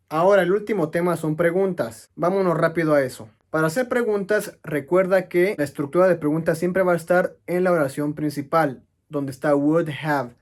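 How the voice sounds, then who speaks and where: Man explaining English grammar. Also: a little high. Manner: explanatory, asks questions and answers them himself. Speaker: English teacher.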